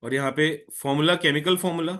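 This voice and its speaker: Chem teacher guy, bright slightly high voice, hindi-english mix, keeps asking if everyone gets it. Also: fairly even intonation. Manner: Hindi mixed with English, checks understanding often; patient, tells an eager student to slow down. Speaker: chemistry teacher. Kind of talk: online class lecture.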